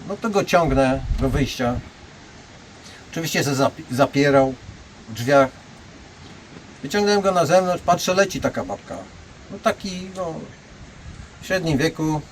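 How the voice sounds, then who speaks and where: A man's voice: a little high, measured pace, pauses often, a little hiss or hum. Blunt older man telling stories. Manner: blunt, anecdotal, addresses listeners directly. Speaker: martial arts master. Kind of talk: storytelling monologue.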